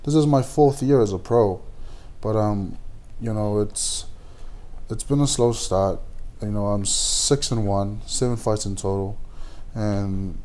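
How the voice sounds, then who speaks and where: Low-voiced guy in his 20s, from samoa, lots of uhs and restarts, boxer being interviewed. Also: fairly even intonation, mellow. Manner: halting, many fillers and restarts. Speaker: guest, pro boxer. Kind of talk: casual interview.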